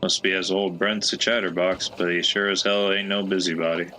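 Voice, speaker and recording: A man's voice: sits low, flat delivery, a little fast, sharp tone, soft background music, rough recording. A man voicing a chatty, folksy old male peddler with a put-on American Southwestern drawl, reading game dialogue in character.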